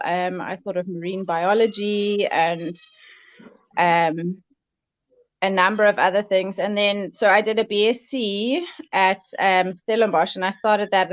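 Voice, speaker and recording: A woman veterinarian being interviewed, talking hesitantly with many pauses and ums. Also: mid-range voice, no room sound. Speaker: veterinarian guest. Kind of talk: remote interview. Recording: dull, dry video call audio.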